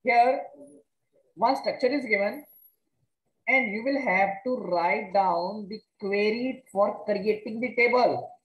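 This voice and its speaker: This computer science teacher, a North Indian woman with a mid-range voice, talks slowly and haltingly, repeating herself and quizzing students. She explains things step by step in an online class with screen share, recorded indoors in an echoey room that leaves the audio muffled.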